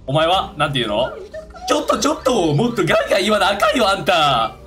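A pushy, excitable Kansai-accented bystander, put on by a man reading game dialogue aloud. The voice jumps high and swings widely, pressing hard with every line. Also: quick pace, soft background music. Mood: agitated. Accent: Kansai Japanese. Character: agitated Kansai-speaking man in a crowd.

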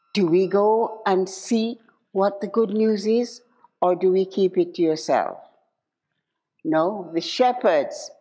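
A woman preaching a sermon at a church service, slow and emphatic, repeating key phrases and putting direct questions to her listeners. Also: fairly low pitch, a little mellow. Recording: dull lo-fi live church recording.

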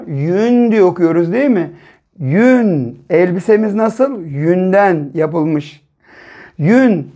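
A man teaching a reading lesson to young children, sounding out syllables slowly, blending them into words and checking understanding with gentle questions. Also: sits high. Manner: gentle, patient, ends points with a checking question. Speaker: primary school teacher.

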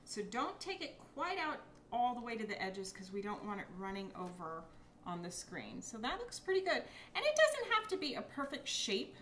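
A woman's voice: on the high side, wildly swooping pitch, normal speed, a little hiss or hum. A woman guest chef walking helpers through a cooking demonstration step by step, patient and explanatory, calling them "honey". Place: home kitchen, indoors. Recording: echoey kitchen with loud background music.

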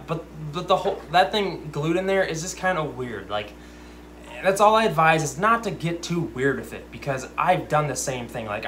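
A young aquarium-channel host livestreams from an indoor fish room with lit tanks, chatting casually and drifting into ranty, self-aware asides as he reads viewer comments. His fairly high, slightly bright voice is picked up by a close desk camera, with a little hiss or hum.

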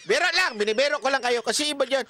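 A man's voice: extremely high pitch, expressive, fast, pushed and bright, a little hiss or hum. A man hosting a casual political commentary stream, teasing his viewers and laughing often. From Philippines. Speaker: political vlogger host.

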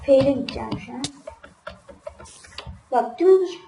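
Woman host doing casual game commentary to viewers; quick to complain, recorded distant in an echoey room. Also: high-pitched, lively intonation, vocal fry, mellow, faint music behind. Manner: grumbling, easily frustrated, talks straight to viewers. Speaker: gaming channel host. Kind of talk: casual let's-play commentary. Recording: roomy, distant mic with background noise.

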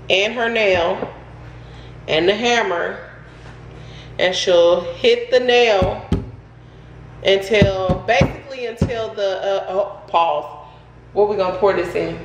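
Chatty woman filming in an echoey kitchen. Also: mid-range voice. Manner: chatty, nervous, excitable. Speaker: vlogger, narrator of the demo. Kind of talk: casual home how-to chat. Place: home kitchen. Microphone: handheld phone camera. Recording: echoey kitchen, faint noise.

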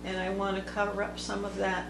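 A woman teaching watercolor, thinking aloud slowly as she paints at a table. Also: mid-range voice, completely flat delivery, gravelly, very noisy. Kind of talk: unscripted painting tutorial narration. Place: indoor table workspace. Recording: echoey room with background music. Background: soft instrumental music.

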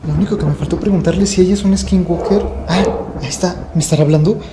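A man's voice: high-pitched, steady tone, fast, dark tone, a little hiss or hum. A man hosting a comedic reaction vlog, playful and dramatically mock-frightened. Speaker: YouTuber host. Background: background music.

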